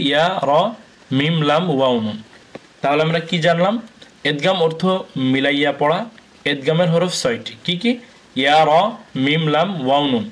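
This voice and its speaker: Bangladeshi man teaching Quran reading. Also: fairly high pitch. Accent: Bangladeshi Bengali. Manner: spells letters then chants the joined syllables; explains each rule, asking and answering his own questions. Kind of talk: spelled-out recitation lesson.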